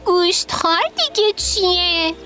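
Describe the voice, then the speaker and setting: A woman's voice: extremely high pitch, sharp tone. A woman voicing a curious little girl dinosaur who keeps asking questions, in storybook dialogue over music. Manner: asks eager, wondering questions. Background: background music.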